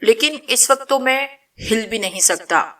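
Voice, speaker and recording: A woman's voice: fairly high pitch, lively intonation, a bit bright. A woman reading the part of an injured, stubborn young man who speaks defiantly and questioningly in a storybook reading.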